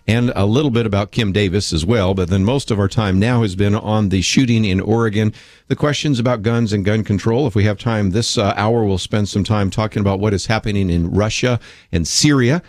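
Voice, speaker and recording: A man's voice: on the low side, brisk, darkish tone, no room sound, clean studio sound. A man hosting a radio talk show, presenting topics and calls in a broadcast style. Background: music.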